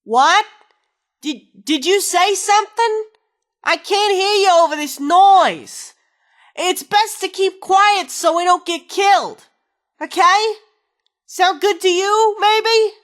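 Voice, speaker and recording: An actress playing a wisecracking, foul-mouthed video game companion in power armor, shouting to be heard over noise. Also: female voice, extremely high pitch, huge pitch swings, slow pace, hardly any pauses, full character voice. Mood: loud, irritated.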